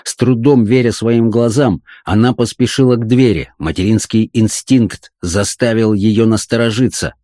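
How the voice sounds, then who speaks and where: A man narrating an audiobook with expressive storytelling. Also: fairly low pitch, normal speed, few pauses, no room sound, clean studio sound.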